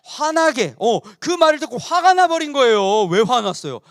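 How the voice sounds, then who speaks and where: A man preaching a children's sermon, telling a Bible story in an animated way and asking the children questions. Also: very high voice, normal speed, clean tone, dry recording, clean studio sound.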